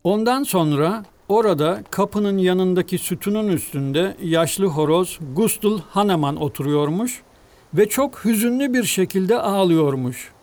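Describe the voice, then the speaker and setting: A man narrating a fairy tale in an expressive, measured storybook reading. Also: sits high. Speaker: storybook reader.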